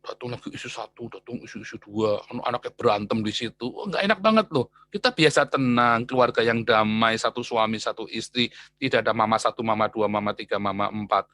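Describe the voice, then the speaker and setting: Animated, exclamatory male preacher. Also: fairly low pitch, brisk. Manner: animated and exclamatory, with frequent interjections and chuckles. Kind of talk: casual sermon.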